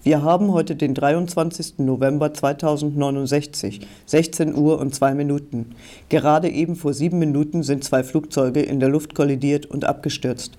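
A man's voice: a little high, fairly even intonation, normal speed, warm tone, close to an everyday voice. A man reading the part of a female TV reporter who speaks formally to the camera. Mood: reporting. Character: composed adult female TV reporter at a crash site.

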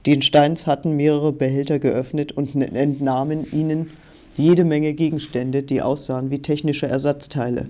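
A man reading a story aloud as an audiobook narrator in a steady, even manner. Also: a little high, moderate pace. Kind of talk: scripted narration.

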